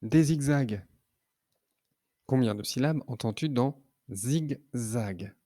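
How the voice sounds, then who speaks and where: A man teaching children to read, sounding out syllables slowly and clearly. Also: mid-range voice, dark tone, no room sound, clean studio sound. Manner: slow, clearly articulated syllables. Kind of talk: reading lesson for children.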